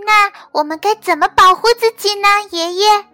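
A woman's voice: extremely high pitch, normal speed, bright, forceful tone, dry recording, soft background music, voice pushed up. A woman voicing a small, timid young male toad who eagerly admires his grandfather in a storybook tale. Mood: excited, admiring.

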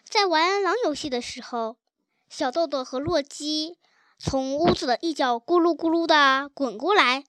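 A woman narrating a children's storybook chapter with a gentle, expressive reading. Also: high voice, dry recording. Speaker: audiobook narrator.

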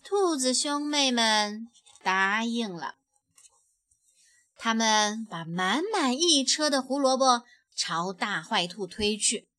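Brief: woman storyteller, high bright tone, unhurried read-aloud pacing, expressive and gentle. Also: dry recording. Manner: gentle, expressive, drops softly at sentence ends. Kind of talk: picture-book read-aloud.

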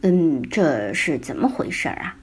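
A woman's voice: sits low, sing-song, a little slow, husky, pitched below the performer's own voice, heavily acted. A woman voicing a self-important, doubting school principal with a pompous manner in a children's story. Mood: puzzled.

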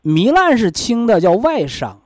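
A man's voice: sits high, sing-song, a little slow, darkish tone, no room sound, studio quality. A man with a Northeastern Chinese accent giving folksy health advice to a caller, colloquial and repeating himself as he explains with homely analogies. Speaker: health expert advising callers on a radio programme.

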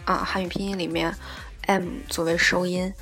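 A woman teaching a language lesson in a patient, repetitive way, going over each example word several times. Her voice sits a little low and has a gravelly, creaky edge. Soft music plays faintly behind her. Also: little pitch movement. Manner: patient, repeats example words slowly.

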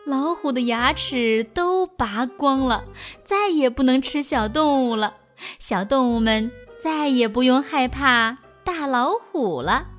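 A woman reading a children's story aloud and speaking gently to young listeners as the storyteller. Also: sits high.

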